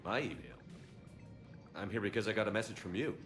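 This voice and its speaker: An actor playing a calm male military commander with dry humor. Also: on the low side, fairly quick, music in the background, lightly acted.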